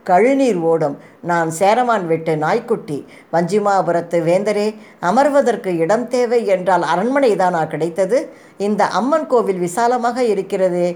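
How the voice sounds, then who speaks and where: A woman's voice: medium pitch, a little mellow, natural voice. A woman voicing the corpse of a slain male prince who taunts his betrayer with mocking, accusing questions in a storybook reading.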